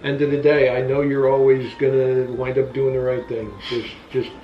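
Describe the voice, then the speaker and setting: A man of sixty-eight, a father answering questions in a casual sit-down chat, earnest and halting with many restarts. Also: medium pitch, flat delivery, a little hiss or hum. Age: 60s. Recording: echoey, distant, dull room sound.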